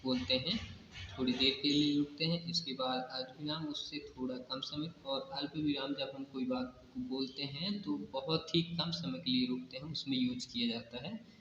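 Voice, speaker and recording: A man's voice: medium pitch, fairly even intonation, normal speed, fairly bright tone. A man teaching a grammar lesson, asking questions and answering them himself, often saying "okay". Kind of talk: classroom-style grammar lesson. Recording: echoey, dull lo-fi room recording with faint hiss.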